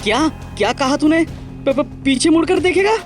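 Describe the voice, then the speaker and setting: A man's voice: sits high, unhurried, soft background music. A man voicing a jumpy, cowardly young cartoon character who stammers in panic. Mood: scared.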